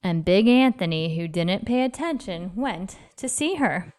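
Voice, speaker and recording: A woman's voice: medium pitch, expressive, a little slow, a little mellow. Woman reading a storybook aloud. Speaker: children's storybook reader. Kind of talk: expressive read-aloud narration.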